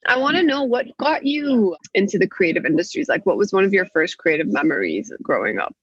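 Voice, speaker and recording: Interviewer with a husky, dull sound. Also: mid-range voice, expressive, brisk, a bit bright, dry recording. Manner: curious, chatty, encouraging. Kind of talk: casual interview questions.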